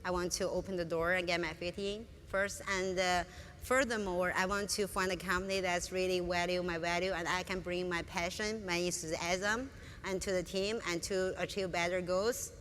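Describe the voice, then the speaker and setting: A woman's voice: lowish voice, fairly even intonation, moderate pace, fairly bright tone. A woman from northern China with a Chinese accent, answering interview questions on stage eagerly. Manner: eager, non-native phrasing. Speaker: student guest. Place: large conference hall. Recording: reverberant hall, faint room noise.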